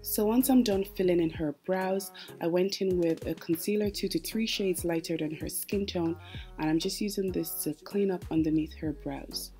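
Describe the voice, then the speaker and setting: Talking casually to her viewers, a woman narrates a makeup tutorial, chatty and explanatory as she goes through each step. Her voice is distinctly low and mellow, with fairly even intonation at a normal speed, and light background music plays behind her.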